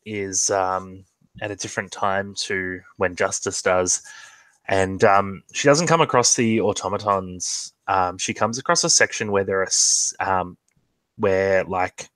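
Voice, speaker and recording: Man player narrating a tabletop game, hesitant, bright timbre, dry sound. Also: on the low side, dry recording, rough recording. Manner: hesitant, full of ums and restarts. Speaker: player narrating his character.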